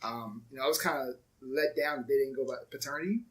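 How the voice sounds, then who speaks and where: A man in his thirties co-hosting a casual podcast chat, relaxed and thoughtful, pausing often with fillers. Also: mid-range voice. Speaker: podcast co-host.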